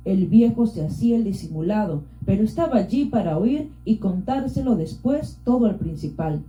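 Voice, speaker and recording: A woman narrating an audiobook in a steady, measured storytelling voice. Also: medium pitch. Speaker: audiobook reader. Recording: roomy, dull lo-fi.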